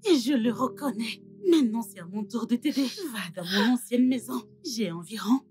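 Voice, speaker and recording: A woman's voice: moderate pace, a little mellow, faint music behind, close to an everyday voice. A woman dubbing in French as a jealous, scheming young woman who mocks and betrays her best friend. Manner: mocking, shrill when screaming. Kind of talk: French film dub.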